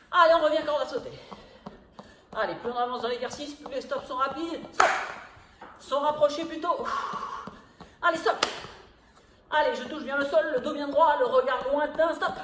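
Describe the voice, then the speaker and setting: A woman fitness instructor leading a workout, counting reps and calling out cues with energetic encouragement, a little breathy from exertion. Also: high voice. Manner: energetic, encouraging drill calls. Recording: echoey room, noticeable background noise.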